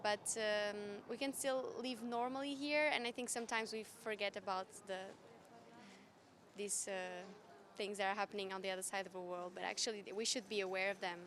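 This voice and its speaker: A young woman from Portugal answering a street interview outdoors, thoughtful and halting. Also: mid-range voice, fairly even intonation, fairly bright tone.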